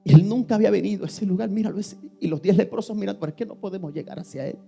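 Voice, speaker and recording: A man preaching a sermon to his congregation, swinging from shouts to near-whispers and speaking to listeners by name. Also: high-pitched, fast talker, gravelly, slightly rough, faint music behind. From Puerto Rico. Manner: impassioned preaching, swinging between shouting and hushed tones; addresses the congregation directly, names listeners. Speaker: pastor. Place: church.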